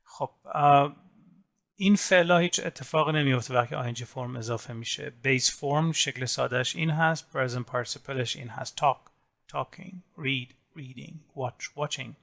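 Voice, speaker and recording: A man teaching an English grammar lesson, explaining rules step by step and saying English example words slowly. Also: medium pitch, vocal fry, fairly bright tone. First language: Persian. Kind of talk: recorded grammar lesson in Persian.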